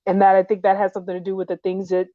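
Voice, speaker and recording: A woman's voice: mid-range voice, completely flat delivery, rapid-fire, no room sound. Hesitant woman from Illinois, dull lo-fi sound. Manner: thoughtful, hesitant, laughs easily. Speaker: podcast guest. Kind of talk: casual podcast chat.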